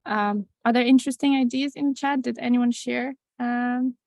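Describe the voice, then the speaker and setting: Latvian-born woman presenter, gravelly and dry, chatty and halting. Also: fairly high pitch, steady tone, a little mellow, dry recording. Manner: conversational, with frequent restarts and fillers. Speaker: webinar facilitator. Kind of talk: online presentation. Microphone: video call.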